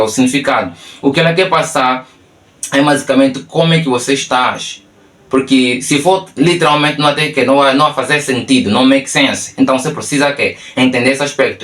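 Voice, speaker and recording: A man's voice: medium pitch, a bit bright. Angolan man teaching in a roomy echo. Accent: Angolan Portuguese. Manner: repetitive, explains step by step with tag questions. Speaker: English teacher and mentor. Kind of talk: online language lesson.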